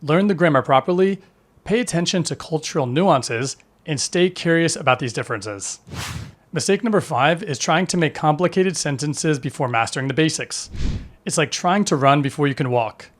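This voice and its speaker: A man narrates a scripted language lesson in an even, instructive way. His voice sits a touch above the usual male pitch, and each point is delivered steadily, like a prepared explainer. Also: moderate pace. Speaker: language teacher.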